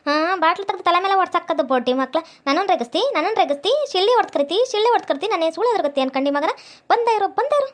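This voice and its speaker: A woman's voice: very high voice, lively intonation, very fast. Furious old village woman. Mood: furious threats. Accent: North Karnataka Kannada. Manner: scolding, cursing loudly. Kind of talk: cartoon voice acting.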